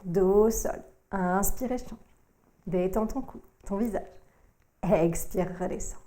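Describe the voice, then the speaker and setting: Slow, mellow woman guiding yoga. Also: mid-range voice. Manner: calm, slow cueing of breath and movement, addressing the listener informally. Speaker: yoga teacher. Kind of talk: guided yoga core workout instruction.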